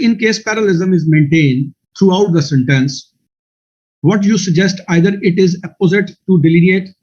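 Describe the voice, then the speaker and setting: A man's voice: sits high, darkish tone, highs cut off. A man giving an exam-prep grammar lecture, scolding and emphatic, slipping English phrases into his teaching.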